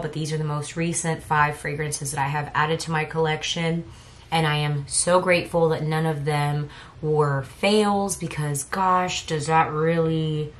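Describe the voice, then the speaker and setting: Low-voiced chatty woman reviewing fragrances. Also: a little hiss or hum. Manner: chatty, rambling, self-correcting. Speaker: fragrance vlogger. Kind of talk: casual product review chat.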